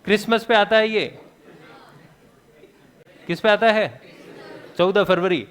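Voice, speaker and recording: A male teacher lectures a class. He keeps throwing quick questions at the students and answers them himself, with jokes along the way. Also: high voice, fairly even intonation, fairly bright tone, smooth, a faint crowd. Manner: jokey, laughs at his own remarks.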